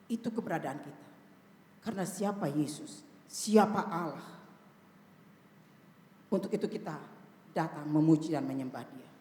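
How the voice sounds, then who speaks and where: A woman's voice: low-pitched, normal speed, pauses often, dark tone. A woman pastor preaching a sermon emphatically, often asking the congregation rhetorical questions. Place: large church hall. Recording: echoey church hall with long reverb.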